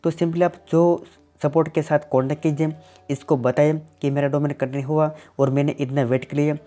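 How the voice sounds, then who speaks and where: Faint music runs beneath a man answering questions from his tech channel's viewers, his explanations plain and full of "definitely" and "simply." His voice is warm and mellow, a little high, brisk and flat in delivery. He's from Gujarat, India, and Gujarati is his first language.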